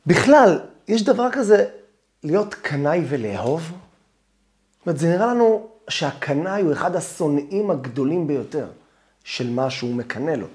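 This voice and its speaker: Male rabbi, sermon, dramatic and animated storyteller, slightly high voice. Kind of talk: sermon on the weekly Torah portion.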